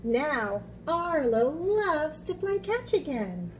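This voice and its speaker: A high-voiced woman with big pitch swings talks at a slow pace while teaching young children in a read-aloud and craft style. Her explanations are simple, with frequent small check-in questions, and slight background noise is present. She is a children's art teacher and storybook reader.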